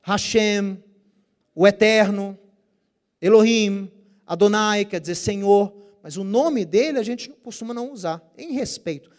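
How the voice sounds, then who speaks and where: A man with a high-pitched, slightly mellow voice teaches a Bible study lecture, taking care as he explains Hebrew terms. He raises rhetorical questions and answers them on his own.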